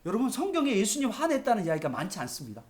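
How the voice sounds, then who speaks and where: A man's voice: sits high, wildly swooping pitch, rapid-fire, a little mellow. A man preaching a sermon as pastor, telling the story with animation and asking his listeners questions. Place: church.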